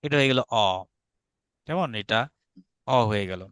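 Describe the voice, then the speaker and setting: A man's voice: medium pitch, lively intonation, moderate pace, a bit bright, clean tone, no room sound. A man with a Bangladeshi Bengali accent teaching an online Sanskrit class, patient and often checking that students follow.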